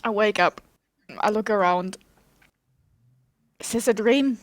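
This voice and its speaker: A woman with a mid-pitched voice plays a tabletop game. She chats casually and feels her way through her character's actions, in very dry sound. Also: slow pace, no echo. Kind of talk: casual role-play chat.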